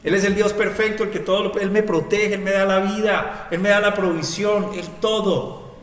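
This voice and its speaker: Male pastor, higher-than-average voice, sermon with call-and-answer questions, reverberant hall. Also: steady tone, moderate pace, a bit bright. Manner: preaching with rhetorical questions and repeated "amén". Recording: roomy hall reverb, faint ambient noise.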